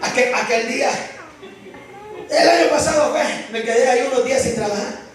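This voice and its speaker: A man preaching a sermon as pastor, fervent, often shouting and joking with the congregation. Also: extremely high pitch, a little fast, recorded from a distance. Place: large church hall. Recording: very echoey hall with congregation, voice from afar.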